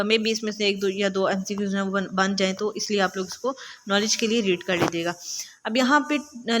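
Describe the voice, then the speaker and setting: A young woman tutors online students, explaining step by step with many fillers, reading English passages slowly and closing each point with "theek hai". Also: medium pitch, a bit bright, slight background noise. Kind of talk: casual recorded lecture.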